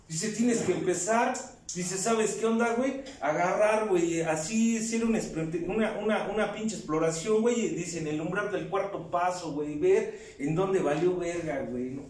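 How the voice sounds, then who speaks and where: A man's voice: sits high, a little mellow. Impassioned Mexican man in an echoey hall. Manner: impassioned, addresses the group directly as "compañeros" and "güey". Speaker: speaker sharing his testimony at a recovery group meeting. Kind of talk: emotional personal testimony. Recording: very echoey hall, voice heard from far off.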